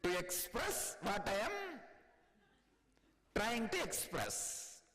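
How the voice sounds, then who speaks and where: A man's voice: sits high, very animated, slow pace, pushed and bright, in a large hall. A man from India with an Indian accent, giving a spiritual discourse, laughing often and repeating simple phrases for emphasis. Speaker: spiritual teacher.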